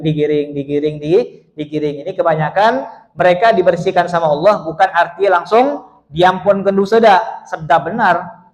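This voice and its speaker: A man's voice: high-pitched, poor audio. A man giving a religious lecture as a preacher, telling stories in conversational, colloquial speech and acting out the quoted dialogue. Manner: storytelling, acts out quoted dialogue. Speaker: Islamic preacher.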